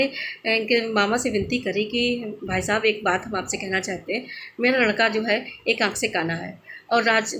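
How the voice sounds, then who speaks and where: A woman telling a devotional folk tale in a plain, homely way, with pauses and restarts. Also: on the high side, fairly bright tone, a little hiss or hum.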